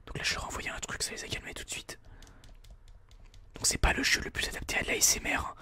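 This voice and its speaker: A video game streamer and ASMR host whispers informal, hesitant gameplay commentary, thinking aloud close to a binaural mic. The delivery is fast with a sharp tone.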